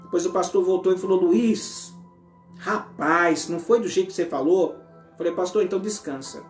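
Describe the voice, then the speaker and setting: High-voiced man preaching a testimony. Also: normal speed. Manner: emotional, voice often sinking to a hush. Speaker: apostle preaching. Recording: echoey church hall with music.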